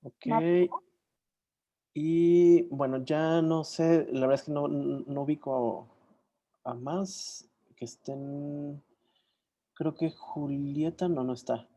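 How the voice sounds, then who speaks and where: Over a video call, a man hosts a casual online session in a mellow, warm voice that is fairly high and steady. He speaks haltingly, often pausing to search for words and names.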